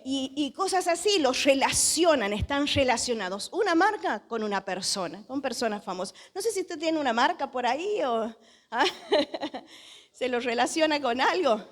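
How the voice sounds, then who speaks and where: High-voiced Argentine woman preaching. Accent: Argentine Spanish. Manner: lively storytelling with rhetorical questions to the congregation. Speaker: pastor. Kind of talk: sermon.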